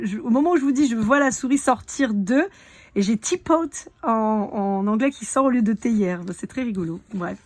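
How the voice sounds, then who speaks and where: Lady doing a live card reading, slightly high voice, chatty, talks straight to viewers. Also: dry recording. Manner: chatty, speaks directly to viewers. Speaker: tarot card reader.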